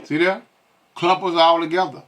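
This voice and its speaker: A man's voice: a little high, little pitch movement, normal speed, a bit bright. A man giving blunt, scolding commentary on video clips, who keeps asking rhetorical questions and repeats himself. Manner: blunt and scolding, with many stalling fillers. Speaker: online religious commentator.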